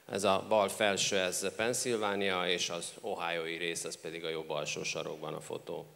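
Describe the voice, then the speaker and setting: A man working as a live consecutive interpreter, with a halting delivery. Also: low voice, little pitch movement, vocal fry, fairly bright tone. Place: large reverberant hall. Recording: echoey hall with background noise.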